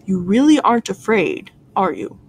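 A reader voicing a huge, menacing monster made of a yew tree in a storybook, speaking a little higher and louder than the narration. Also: very animated, normal speed, a little hiss or hum. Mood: probing.

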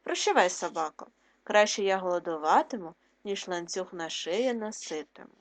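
A woman's voice: fairly low pitch, expressive, normal speed, lightly acted. A woman reading as a lean hungry wolf. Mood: plain. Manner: blunt, firm refusal. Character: lean hungry male wolf who prizes freedom. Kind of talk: reading a folk tale aloud.

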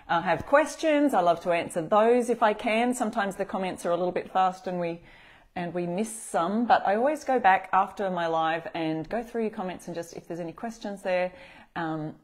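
With a mid-range voice, the same kind of host, a middle-aged Australian woman, runs a live craft demo at a table in a bright room, talking with viewers and calling them by name.

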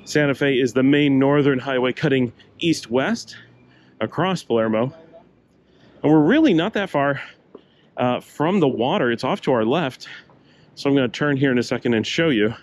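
A man's voice: medium pitch, moderate pace, pauses often. A middle-aged man vlogging a walking tour on a city sidewalk, talking to a handheld camera in a chatty, meandering way with fillers. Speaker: travel vlogger. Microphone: handheld camera at arm's length.

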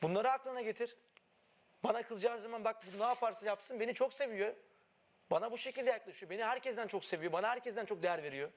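A man's voice: high voice, fast talker. A young man in a reality show house, pleading with his partner and full of regret. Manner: pleading, repetitive, remorseful. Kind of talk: emotional heart-to-heart. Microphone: wireless body mic.

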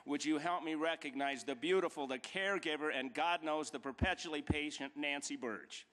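This acceptance speech comes from a middle-aged man at a podium on a big banquet hall stage, his voice a little high and fairly bright at normal speed. He stacks emphatic rhetorical lists and repeats dates; there's slight background noise, a podium microphone, and long hall reverb.

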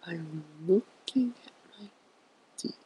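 A drunk person rambling through a brooding rant to camera in a halting, whispery rasp, close to the phone. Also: mid-range voice, animated, mellow, rough recording. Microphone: phone held very close to the mouth.

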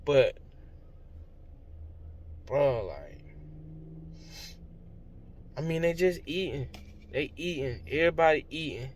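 A man's voice: on the high side, very animated, slow, pauses often, slight background noise. A young man, talking in a casual, emotional, rambling vlog. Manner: emotional, heartfelt, slangy and rambling. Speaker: vlogger. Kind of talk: casual vlog talk to camera.

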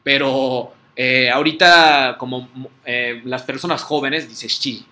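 This male teacher runs an online language drill at an unhurried pace, saying words for students to repeat back and frequently asking "¿sí?" to confirm they're keeping up. His pitch is medium with fairly even intonation, and his voice sounds pushed and bright, his manner patient throughout.

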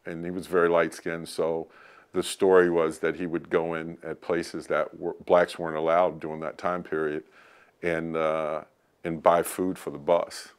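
A middle-aged man recalls family stories in an interview at his home, clipped to a lapel mic. His voice is extremely deep. He talks calmly and reflectively, pausing on fillers. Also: smooth. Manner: relaxed, reflective, with hesitant fillers. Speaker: interviewee, son of a ballplayer. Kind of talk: casual interview.

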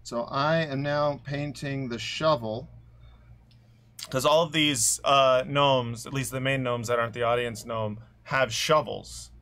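A man chatting casually with friends on a craft livestream, low-key with dry jokes. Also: steady tone, unhurried, fairly bright tone. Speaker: guest crafter. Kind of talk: casual group chat.

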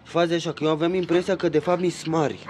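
A man's voice: on the high side, flat delivery, background noise. A young man, chatting casually in a home vlog while scolding his child. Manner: chatty, rambling, scolding a child between remarks. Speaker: vlogger. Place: small bedroom at home.

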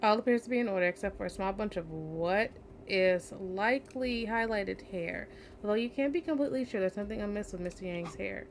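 Streaming from home with faint game noise behind her, a young woman sounds tired and yawns as she chats casually and reads the game's text out loud. She speaks at a medium pitch and a brisk pace.

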